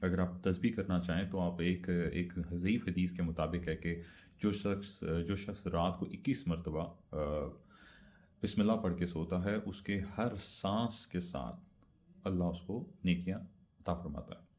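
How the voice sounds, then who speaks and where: Man, low mellow voice, casual explainer, repeats points, dull lo-fi recording. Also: fairly even intonation. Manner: conversational, repeats points, mixes English words. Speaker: speaker explaining religious practice. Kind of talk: casual religious explainer talk.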